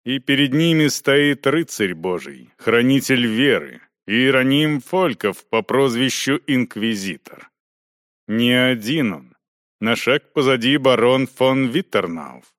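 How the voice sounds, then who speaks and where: A man narrating an audiobook in a measured, expressive storytelling manner. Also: medium pitch, no echo, clean studio sound. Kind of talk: scripted narration.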